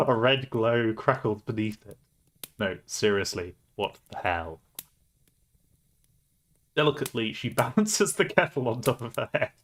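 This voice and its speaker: A man's voice: medium pitch, very animated, measured pace, pauses often, fairly bright tone. A man streaming a game, reading the story aloud with playful, laughing asides.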